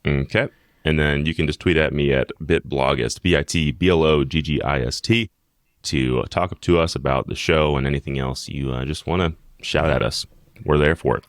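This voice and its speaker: A man's voice: extremely low pitch, normal speed, dry recording, clean studio sound. A man co-hosting a podcast, chatting casually and in a friendly way with his co-host. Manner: friendly, chatty, many fillers.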